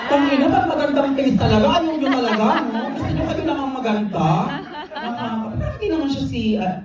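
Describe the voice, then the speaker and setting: A Filipino woman doing live stand-up, teasing the crowd with brash, quick banter. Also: high voice, animated, music in the background. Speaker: stand-up comedian host. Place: packed live venue with audience. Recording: echoey venue, crowd noise, distant mic.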